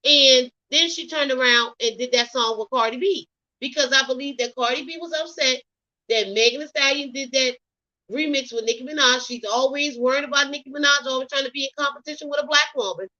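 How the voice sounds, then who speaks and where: A woman's voice: sits high, a little fast, sharp tone, highs cut off. A woman from the US South with a Geechee accent, rambling through opinionated celebrity gossip commentary with lots of ums and you knows. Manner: opinionated, rambling, many fillers like um and you know. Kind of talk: casual commentary vlog.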